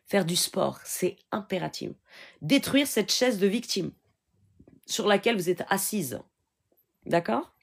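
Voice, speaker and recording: A woman's voice: medium pitch, lively intonation, unhurried, gravelly, pauses often. A woman giving an earnest, instructive live question-and-answer talk. She switches often between French and Arabic and keeps checking in with her listeners. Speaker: spiritual healer answering questions.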